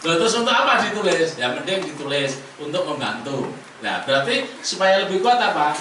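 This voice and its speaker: Male teacher, animated, playful with adult class; heard from far off in a very echoey, noisy hall. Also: on the high side, brisk. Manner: animated, teasing, coaxing students. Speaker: Quran reading teacher. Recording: echoey room, distant mic, room noise.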